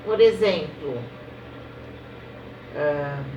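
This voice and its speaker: A woman's voice: sits low, warm tone, dull audio. A Brazilian Portuguese woman teaching young children, patiently dictating words one by one and checking in often. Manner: slow, drawn-out word-by-word dictation; patient, explains step by step and checks in with "tá?". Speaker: primary school teacher. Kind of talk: recorded remote lesson for young children. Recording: roomy, a little distant, faint noise.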